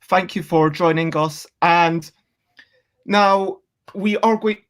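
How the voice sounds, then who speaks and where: A woman's voice: fairly low pitch, slow. A woman hosting a casual live-stream chat, greeting viewers and welcoming her guest. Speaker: host.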